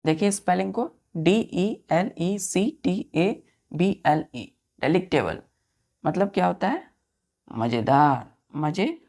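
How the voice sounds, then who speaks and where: A woman's voice: fairly low pitch, very animated, normal speed, vocal fry, a little mellow. A woman teacher giving a vocabulary lesson, spelling words out letter by letter and asking questions of her students.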